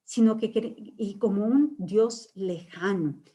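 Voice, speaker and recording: A woman teaches a catechesis class in a mellow, warm tone. She explains scripture patiently, stopping on "eh" fillers and asking her listeners questions as she goes. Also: medium pitch, slow. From Mexico. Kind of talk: catechesis talk on the Creed.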